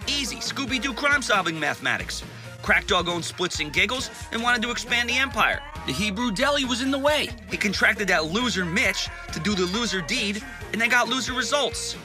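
A man's voice: high voice, expressive, brisk. A man playing a cocky, sardonic young schemer in a cartoon, explaining things in a wry, long-winded way. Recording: music behind the voice.

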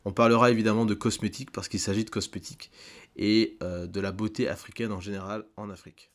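A man hosting a podcast interview, enthusiastic and often pausing on fillers. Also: fairly low pitch, flat delivery. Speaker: podcast host.

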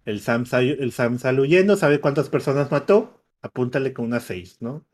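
A man's voice: medium pitch, normal speed. A man with a Mexican accent, casually recapping a movie plot and acting out the lines. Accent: Mexican Spanish. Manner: animated storytelling, acting out quotes.

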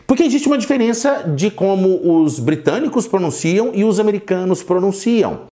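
A man giving a podcast English lesson, demonstrating words slowly and repeating them. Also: high-pitched, animated, mellow, soft background music. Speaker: English teacher.

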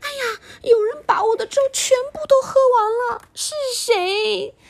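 A woman voicing a tiny, tearful baby bear cub in a storybook reading, squeaking and whimpering. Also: a little slow, creaky, heavily acted. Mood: crying.

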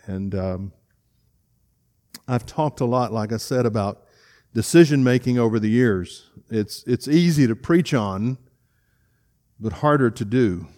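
A middle-aged man delivers a sermon from the front of a church. He speaks earnestly and with emotion, stumbling and restarting now and then. His voice sits in an ordinary middle pitch. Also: mellow. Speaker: pastor. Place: church sanctuary.

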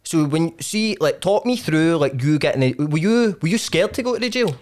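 A man's voice: fairly high pitch, animated, normal speed, a little mellow. A man with a broad Scottish accent hosting a casual interview, rambling through his questions in a matey, sweary way. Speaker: podcast host.

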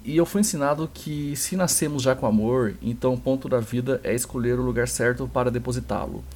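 A man with a Brazilian accent reading a priest's wedding speech aloud, slow and solemn. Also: medium pitch, a little mellow, slight background noise, pitched below the performer's own voice, close to an everyday voice. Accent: Brazilian Portuguese. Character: earnest male priest giving a wedding speech.

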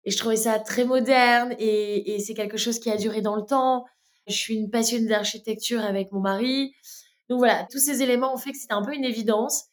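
A woman's voice: a little high, steady tone, a little fast. French-accented woman, candid and chatty. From France. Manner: many fillers and restarts, candid. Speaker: brand co-founder, interview guest. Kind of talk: casual interview chat.

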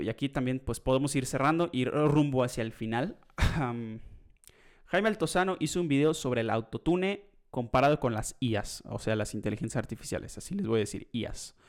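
A young man talks through a podcast episode in a loose, rambling way. His voice sits at an ordinary middle pitch, and he fills the gaps with plenty of fillers and side comments. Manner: rambling, chatty, many fillers and asides. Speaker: podcast host. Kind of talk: casual podcast chat.

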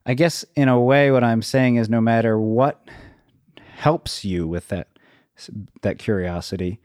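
A man in reflective, casual conversation, thinking aloud in a halting way and circling back to rephrase. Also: mid-range voice, a little mellow, clear, resonant tone, no room sound, clean studio sound.

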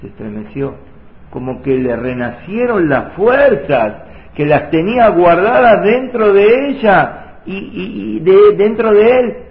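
Tell it as a Rioplatense rabbi, high and lilting, repeating lines for feeling, in an echoey room. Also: male voice, expressive, slow pace. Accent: Rioplatense Spanish. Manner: emotional, sing-song storytelling with repetitions. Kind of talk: storytelling sermon. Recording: echoey, tinny phone-like audio.

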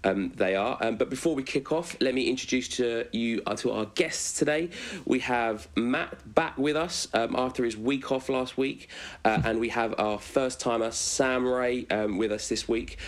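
A young man hosting a casual chat on a video call, relaxed and full of ums and uhs. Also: mid-range voice, moderate pace. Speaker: host.

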